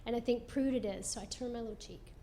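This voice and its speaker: High-voiced woman telling a stand-up story. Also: fast, slight background noise. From American South. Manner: animated, self-mocking storytelling. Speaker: stand-up comedian. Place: comedy club stage.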